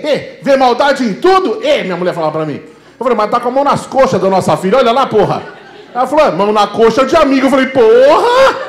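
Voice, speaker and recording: A Brazilian man, probably in his forties, doing a stand-up comedy set, telling stories loudly and acting out the dialogue with lots of swearing, on a handheld mic on a club stage. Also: high-pitched. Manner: loud, animated storytelling with acted-out dialogue and swearing. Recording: roomy club sound.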